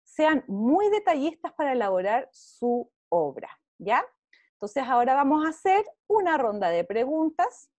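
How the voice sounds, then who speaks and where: Speaking from home over a video call, a lively Chilean woman who teaches visual arts gives an online class to young pupils in a high voice. She takes her time, encourages the kids, and often checks in with "¿ya?". There's no echo on the video-call audio.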